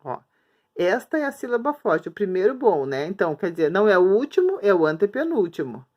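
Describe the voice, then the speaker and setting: A woman teacher records a lesson for young children at her screen, talking while she writes things up. She is patient and repeats herself a lot, drawing words out slowly syllable by syllable. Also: mid-range voice, sing-song, muffled recording. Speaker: schoolteacher. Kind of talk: remote grammar lesson for children. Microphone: recording at a screen, writing on the board while talking.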